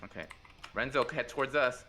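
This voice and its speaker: Male squad leader, energetic game callouts, forceful tone. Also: mid-range voice, a little hiss or hum. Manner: energetic, directive, quick to cheer.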